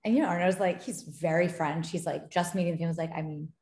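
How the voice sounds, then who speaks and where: Talking fast in a fairly low voice, this woman is a podcast guest who gets excited and laughs while spinning stories about dating and gaming. The casual interview chat echoes around the room.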